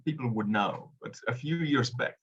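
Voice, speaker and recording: A man's voice: medium pitch, normal speed, a bit bright, slightly rough, dull audio. A man from the Republic, speaking hesitantly with many fillers as a panelist in a webinar discussion. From Czech Republic.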